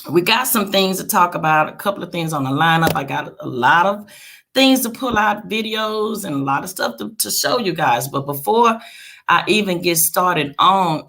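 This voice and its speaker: A woman hosting a casual celebrity gossip livestream, chatting straight to her viewers with frequent check-in tags like a quick okay. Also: lowish voice, animated, sharp tone.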